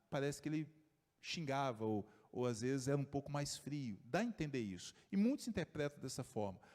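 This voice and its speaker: A man preaching a sermon as pastor, telling stories and dropping his voice low and soft for the people he quotes. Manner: storytelling, voice drops low and soft for quoted figures. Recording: long church reverb.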